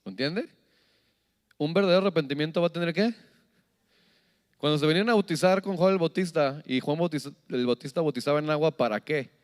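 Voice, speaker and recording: A man preaching a sermon as pastor, animated, asking the congregation questions and acting out little scenes. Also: a little high, brisk, pauses often, clear, resonant tone. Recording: long hall reverb.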